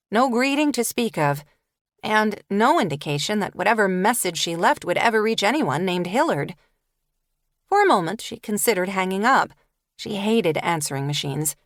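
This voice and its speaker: A woman reading a novel aloud as an audiobook narrator, with expressive storytelling. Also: mid-range voice, no room sound, clean studio sound. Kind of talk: scripted narration.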